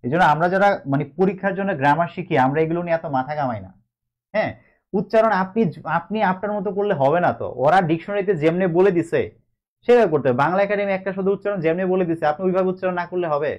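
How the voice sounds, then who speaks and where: A man's voice: high-pitched, fast, darkish tone, dull audio. A man with a Bangladeshi Bengali accent teaching an online grammar class, chatty and reassuring. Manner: chatty, reassuring, switches between explaining and coaxing.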